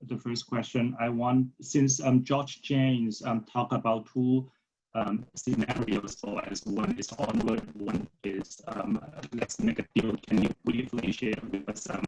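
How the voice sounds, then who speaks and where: A man chairing an online meeting, talking haltingly with many fillers while his fuzzy audio keeps cutting out. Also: mid-range voice, steady tone, darkish tone. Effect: fuzzy, breaking-up call audio that cuts out. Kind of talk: online community board meeting. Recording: dull, muffled, breaking-up call audio.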